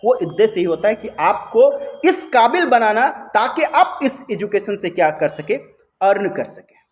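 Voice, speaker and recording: A man with an Indian accent giving a lecture as a teacher, often adding tag questions and mixing in English phrases. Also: extremely high pitch.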